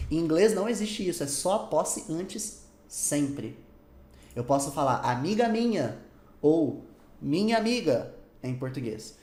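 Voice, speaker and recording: A man teaching an English lesson, animated and drawing out example words slowly for his students. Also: fairly high pitch. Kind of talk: explanatory language lesson. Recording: echoey room.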